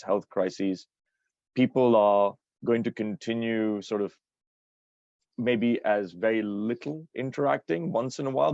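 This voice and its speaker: A man with a very low voice hosts a podcast interview. He asks long, rambling questions full of restarts. The sound is dry and a little dull, like a remote call. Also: a little mellow, no echo. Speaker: podcast co-host.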